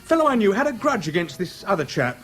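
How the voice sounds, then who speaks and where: In a 1970s radio drama, a British actor plays a chatty man who seems affable but nurses a grudge, speaking in casual, slangy, insinuating tones that turn slyly menacing. His voice is high, fast, and fairly bright, with big swings in pitch. Faint music plays behind him.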